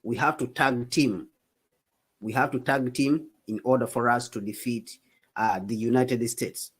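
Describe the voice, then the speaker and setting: A man's voice: medium pitch, fairly even intonation, unhurried, breathy edge. A man from South Africa giving impassioned, repetitive political commentary as co-host of a livestream. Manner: emphatic, repetitive, rallying tone. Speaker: co-host of a Pan-African talk stream.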